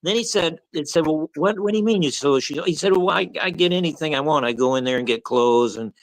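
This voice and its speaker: A man's voice: a little high, fast talker, a little hiss or hum, poor audio. An older man on a sports talk panel, grumbling and sarcastic, often restarting his sentences. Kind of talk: casual sports banter.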